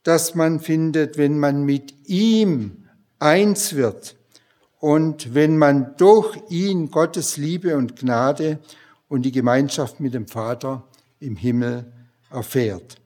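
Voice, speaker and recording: A man preaching a sermon and reading a long Bible passage aloud in a slow, measured way. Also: on the high side, darkish tone.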